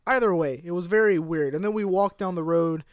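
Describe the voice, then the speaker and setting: A young man hosting a podcast, chatting casually in a rambling, joking way and sometimes getting loud. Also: high-pitched, a little fast, dry recording, clean studio sound. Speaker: podcast host. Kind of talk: casual chat.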